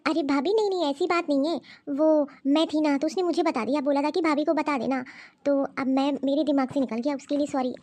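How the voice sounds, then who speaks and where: Cartoon sister-in-law, scheming, bossy, high voice, performed by a woman. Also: steady tone, fairly quick, mellow, natural voice. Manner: sly, coaxing, bossy. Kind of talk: animated cartoon story voice acting.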